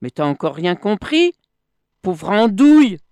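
A woman's voice: on the high side, lively intonation, slow pace, no echo, clean studio sound, voice pushed up. A woman voicing a clever male monkey in a storybook, hurling mocking insults at a false friend. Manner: shouting insults, sharp and mocking.

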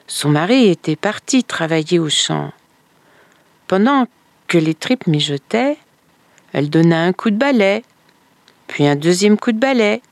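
A woman narrates a folktale slowly and expressively, letting each phrase land. Her voice has a gravelly texture, and the recording is close and dry. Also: lowish voice, dry recording. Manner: slow, expressive storytelling. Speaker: storyteller.

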